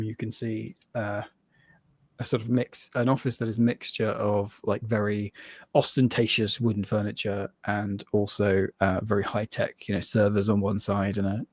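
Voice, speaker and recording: A man's voice: on the low side, level tone, moderate pace, darkish tone, no room sound. A man narrating a live tabletop game as game master, laughing often and rambling loosely as he describes scenes.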